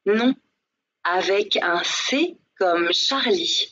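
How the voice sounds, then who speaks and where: A woman voicing a friendly young woman in a French course listening exercise, speaking slowly and with careful articulation. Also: mid-range voice, a bit bright, a little hiss or hum. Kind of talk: slow scripted language-course dialogue. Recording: dull lo-fi audio played over a call.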